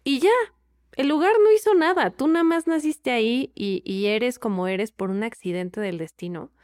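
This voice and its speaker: Una mujer joven con acento mexicano, copresentadora de un pódcast, hablando directo y sin rodeos en charla casual. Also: female voice, fairly high pitch, normal speed, darkish tone, no echo, clean studio sound. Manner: blunt, conversational. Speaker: podcast co-host. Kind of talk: casual chat.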